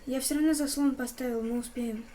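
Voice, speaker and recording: Высокий женский голос, игровой комментарий. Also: female voice, sits high, steady tone, brisk, warm tone. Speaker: gaming video host. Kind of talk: casual horror game commentary. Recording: clearly noisy recording with game ambience.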